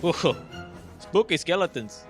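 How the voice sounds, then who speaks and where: A man's voice: a little high, very animated, unhurried, soft background music, voice pushed up. A man voicing Jaya, a sarcastic, jumpy man who grumbles and cracks jokes on a jungle hunt. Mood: mocking. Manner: wisecracking, grumbling.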